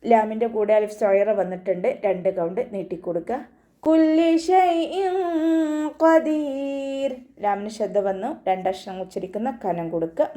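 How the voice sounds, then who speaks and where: A woman with a warm, mellow voice leads an online Quran recitation class. She explains each sound patiently and step by step, pausing now and then to chant a verse slowly as an example. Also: medium pitch. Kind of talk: online tajweed lesson.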